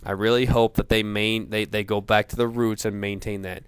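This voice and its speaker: A man in a profane off-the-cuff gamer rant, sounding drunk, rambling haltingly and repeating himself. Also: lowish voice, level tone, smooth, dry recording. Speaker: gamer ranting about video games.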